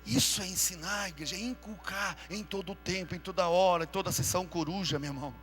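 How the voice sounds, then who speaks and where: Soft music plays behind a pastor preaching a fervent sermon at a live church service, his high, slightly bright voice moving at a quick pace. He calls out to the congregation, asking them to repeat after him.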